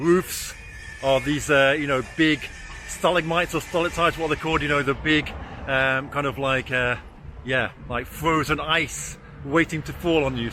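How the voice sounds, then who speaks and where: Speaking with a medium pitch that sounds pushed and bright, a forty-year-old vlogger strolls outdoors on city streets, talking casually. He's blunt, self-deprecating, and quick to swear, and his R comes out weak and unclear. The recording picks up city traffic noise.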